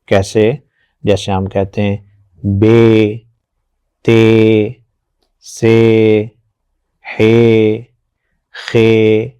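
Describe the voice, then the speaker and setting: A man teaching children their letters, patient and encouraging, often praising and drilling slow repetitions. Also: on the low side, mellow, no echo, muffled recording. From Pakistan. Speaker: Quran teacher.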